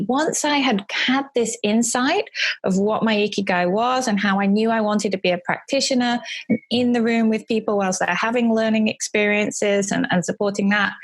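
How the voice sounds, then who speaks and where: A woman, answering interview questions chattily with frequent ums and self-corrections. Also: medium pitch. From England. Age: 40s. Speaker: guest, coach and author.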